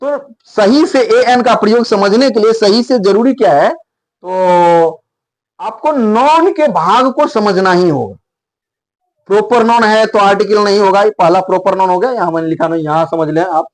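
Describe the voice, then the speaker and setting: A man's voice: sits high, moderate pace. A man teaching English grammar in Hindi, explaining patiently and repeating key points with emphasis. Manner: repetitive, emphatic teaching, spells out letters.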